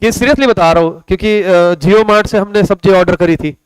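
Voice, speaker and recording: A man's voice: high voice, normal speed, clean tone, no echo, poor audio. A young man teaching an online commerce class in a chatty, joking way, calling his students "beta". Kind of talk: casual online class lecture.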